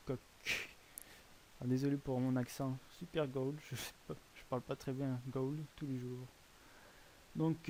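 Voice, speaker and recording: A man's voice: mid-range voice, warm tone, slight background noise. A man hosting casual gameplay commentary on a browser game, rambling and hesitant, often correcting himself. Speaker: host presenting a browser game.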